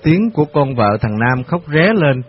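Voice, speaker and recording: A man narrating a memoir story in a calm, reflective way, on a dull radio recording with soft music. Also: medium pitch, normal speed, breathy edge.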